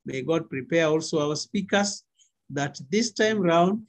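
A middle-aged Kenyan man with a husky voice, a pastor giving a deliberate, emphatic exhortation over a video call. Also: fairly high pitch, expressive. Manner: deliberate, emphatic phrasing with pauses. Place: small indoor room. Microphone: computer mic on video call.

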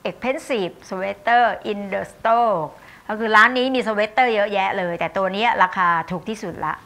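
A woman with a Thai accent teaching English grammar in a university lecture. She reads the English examples slowly and explains them in a chatty, warm way with tag questions. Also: medium pitch, gravelly.

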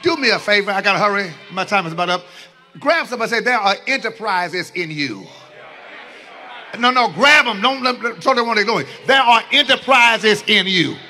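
Preacher man, piercing bright tone, drops low then shouts back at the congregation. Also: animated, fairly quick. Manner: call-and-response preaching, swinging from low asides to shouts. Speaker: bishop preaching. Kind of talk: sermon.

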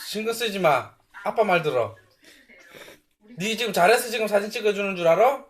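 A man's voice: sits high, animated, moderate pace, a bit bright. Stern young father scolding firmly. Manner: stern, firm questioning. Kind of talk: casual home video.

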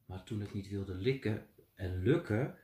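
A man, a teacher, reading a fairy tale aloud to children in a lively, playful way. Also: fairly low pitch, measured pace. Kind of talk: storybook read-aloud for children. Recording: echoey room.

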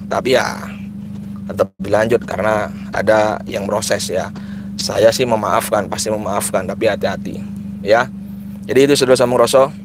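A man's voice: mid-range voice, background noise. A man, chatting casually on a live stream, repeating phrases and mixing in prayers. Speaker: live-streaming spiritual healer vlogger. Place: car at night.

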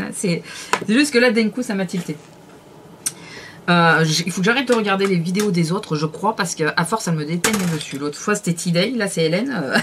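A woman vlogger chatting through a casual beauty product review in a lowish voice. She talks in a hesitant, rambling way, full of fillers and little self-corrections. A faint hiss sits under her voice. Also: a bit bright.

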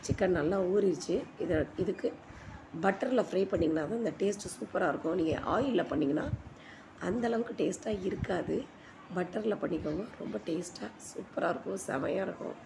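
A woman narrates a home recipe in a lowish, gravelly voice. She sounds hoarse, as if her voice is giving out. The voice-over is informal, with clear background noise. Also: a little fast. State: hoarse, voice giving out from a cold-weather strain. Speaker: home cooking video host. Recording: noisy home voice-over recording.

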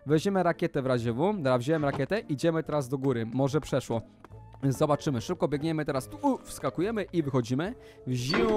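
A man hosting a game video, giving excited let's-play commentary and calling out straight to his viewers. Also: a little high. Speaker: gaming video host.

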